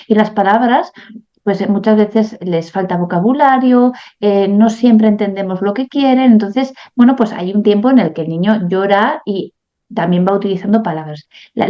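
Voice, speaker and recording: A woman speaking as a guest on parenting, explaining things calmly and step by step, often checking in with the listener. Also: mid-range voice, dull audio. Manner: calm and didactic, often asks "¿no?". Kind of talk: explanatory interview talk.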